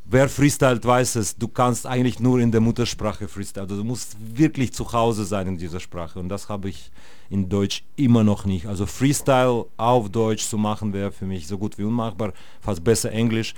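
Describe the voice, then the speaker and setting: In a casual interview, a Russian-born guest musician who speaks Russian natively wanders through his answers with many fillers and restarts. His voice is fairly low and darkish at a normal pace, recorded with no room sound.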